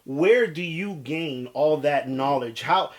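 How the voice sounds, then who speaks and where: A man with a fairly high voice hosts a casual interview. He is enthusiastic and admiring as he introduces and questions his guest. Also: animated, takes it slowly. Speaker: talk show host interviewer.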